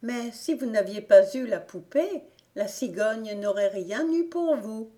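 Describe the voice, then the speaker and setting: A woman's voice: on the high side, lively intonation, unhurried, dark tone, pitched above the performer's own voice. A woman voicing a proud little girl who patiently explains things to her friends in a coaxing way.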